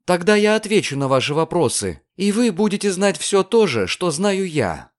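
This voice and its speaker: A man voicing a sharp, proud young maid in an audiobook reading, speaking curtly and defiantly. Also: high-pitched, sing-song, normal speed, pitched above the performer's own voice. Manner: curt, defiant.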